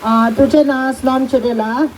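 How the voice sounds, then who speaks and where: A woman acting as emcee at an outdoor street protest, introducing the closing speech in a measured, formal way. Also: sits high, steady tone, a little mellow, a little hiss or hum, rough recording.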